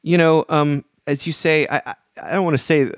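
A man in his forties co-hosting a podcast, talking in a reflective, thinking-out-loud way during casual chat. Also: fairly high pitch, fairly even intonation, normal speed, no room sound, studio quality. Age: 40s. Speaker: podcast co-host.

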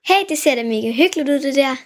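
A man's voice: very high-pitched, animated, voice pushed up. A man voicing a cheerful young girl in a raised, childlike voice.

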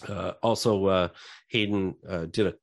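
A man's voice: low-pitched, steady tone, normal speed, dry recording, studio quality. A man co-hosting a podcast, talking in a rambling, emotional way with many fillers. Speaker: podcast co-host. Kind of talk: casual podcast chat.

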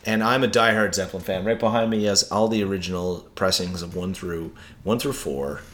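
A man with a very low voice talks casually on a podcast. He is animated and opinionated, and often pokes fun at himself. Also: brisk. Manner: animated, self-mocking, opinionated. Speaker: podcast co-host. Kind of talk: casual chat about music.

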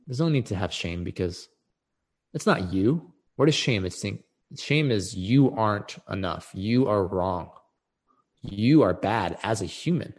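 A man in a casual conversation who talks in an earnest, reflective way and often repeats words while he thinks. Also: deep voice.

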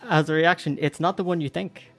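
A man's voice: fairly high pitch, steady tone, a little fast, faint music behind. Eager man describing his moves. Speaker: player. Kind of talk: tabletop game play.

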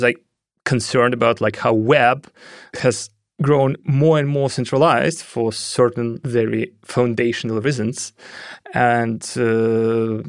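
Middle-aged guy from russia, gravelly voice, thinks out loud w lots of fillers, dry close sound. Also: mid-range voice, no room sound. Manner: thoughtful, hesitant with many fillers. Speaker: guest, head of security. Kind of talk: podcast interview.

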